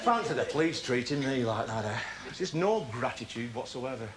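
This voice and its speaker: A male stand-up comedian, telling a story in a wry, deadpan way. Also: mid-range voice, brisk, heavy background noise. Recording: live stage mic, loud crowd laughter.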